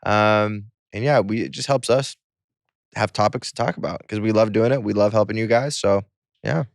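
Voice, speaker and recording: A man's voice: on the low side, normal speed, gravelly, no echo, studio quality. A man co-hosting a podcast, upbeat and easygoing, speaking in casual slang. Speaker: podcast co-host.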